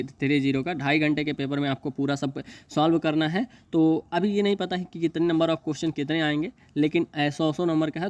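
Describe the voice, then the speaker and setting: A man who hosts an exam news video reads and paraphrases a notice in an informal explainer. His slightly high voice stays very even and monotone, and he moves haltingly, repeating phrases and stumbling over technical terms. There is no echo.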